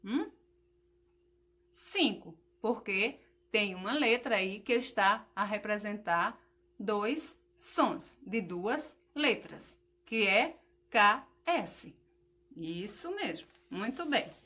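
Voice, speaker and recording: Slow, bright-voiced woman teaching children. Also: mid-range voice, lively intonation. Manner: asks questions and praises imagined pupils, spells letters out. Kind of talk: slow, patient children's phonics lesson.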